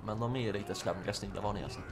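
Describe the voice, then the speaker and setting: A young man giving casual, excitable commentary while playing a video game, yelping and shouting during fights. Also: on the low side, background noise. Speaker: gaming YouTuber. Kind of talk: casual Let's Play commentary.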